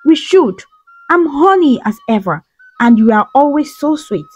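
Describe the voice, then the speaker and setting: A woman's voice: sits high, big pitch swings, measured pace. A woman voicing an arrogant, rude man in a storybook tale, talking brashly. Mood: smug. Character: arrogant, rude man, frightened then boastful. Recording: slightly dull recording with soft music.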